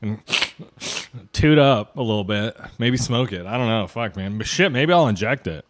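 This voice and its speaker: A man's voice: lowish voice, lively intonation, moderate pace. Guy swearing through long rambling stories on his podcast. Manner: profane, rambling storyteller. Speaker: podcast co-host. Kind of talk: casual chat.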